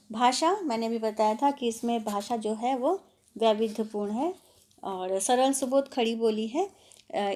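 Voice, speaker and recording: A woman teacher goes through a Hindi textbook lesson at an unhurried pace. Her voice sits a little high, and she explains patiently, pausing with small fillers and walking through one example after another. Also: darkish tone.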